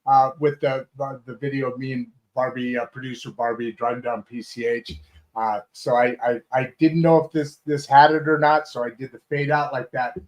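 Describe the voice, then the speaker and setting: A man hosting a talk show chats casually and rambles through his guest's introduction, full of fillers and restarts. His medium-pitched voice is fairly even and moves at a normal speed. The audio is rough, coming from a video call setup in a home studio.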